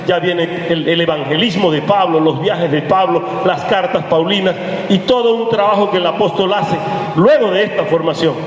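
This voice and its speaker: High-voiced preacher in an echoing church. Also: male voice, a little hiss or hum. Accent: Venezuelan. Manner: dramatic, slows and drops low when quoting scripture. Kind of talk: sermon. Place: church sanctuary. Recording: echoey church hall from the pulpit.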